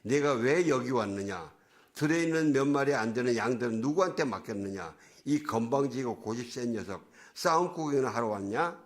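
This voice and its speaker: A man's voice: medium pitch, lively intonation, normal speed, natural voice. A man voicing an angry older brother who scolds contemptuously. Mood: scolding. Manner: stern, rebuking.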